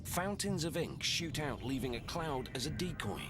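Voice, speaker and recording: A man's voice: mid-range voice, animated, moderate pace. A man reading scripted nature documentary narration in a dramatic, suspenseful way. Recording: music bed behind the voice. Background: loud background music.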